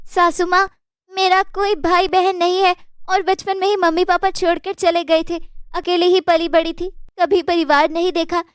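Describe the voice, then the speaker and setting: A woman's voice: extremely high pitch, level tone, moderate pace, no room sound, clean studio sound. A woman voicing a sweet young daughter-in-law who pleads and apologizes. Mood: pleading.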